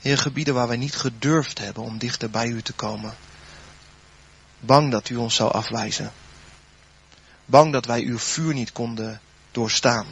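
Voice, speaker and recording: A fervent male preacher delivers a sermon and leads a spoken prayer, rising to loud appeals and falling to near-whispers. His voice is husky and breathy. The recording sounds dull and lo-fi. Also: mid-range voice, fairly even intonation, measured pace, long pauses. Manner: fervent, swells loud then drops soft.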